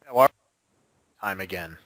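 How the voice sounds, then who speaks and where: A man's voice: deep voice, a little slow, fairly bright tone, no echo, rough recording. A man co-hosting a casual podcast chat, talking bluntly over a remote mic that keeps cutting in and out. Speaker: podcast co-host.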